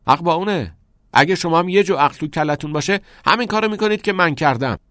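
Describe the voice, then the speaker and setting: A man's voice: mid-range voice, lively intonation, dry recording, studio quality, voice pushed up, natural voice. A man voicing a smug, self-serving teenage schoolboy who talks in a pushy, mocking way. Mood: sneering.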